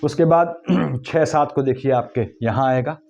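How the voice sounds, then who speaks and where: Fast-talking man explaining horoscopes. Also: mid-range voice, vocal fry, darkish tone, highs cut off, a little hiss or hum. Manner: fast explanatory lecture mixing English terms. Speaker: astrologer. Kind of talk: monthly horoscope talk.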